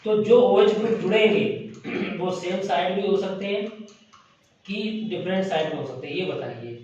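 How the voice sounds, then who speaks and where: A man teaching a chemistry class, quizzing his students with quick questions. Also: sits high, a little mellow, slight background noise. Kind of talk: classroom lecture. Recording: echoey muffled room from far off.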